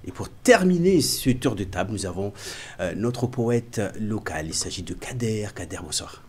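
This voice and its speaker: A man's voice: fairly low pitch, animated, moderate pace, a little mellow, slight background noise. A man hosting a radio interview, formal and full of hesitations. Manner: frequent hesitations, formal address. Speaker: radio host.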